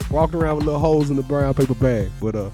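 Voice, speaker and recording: A man co-hosts a casual interview in a joking, playful way, his pitch a bit high for a man. Music plays clearly underneath him. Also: fast, mellow. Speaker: co-host.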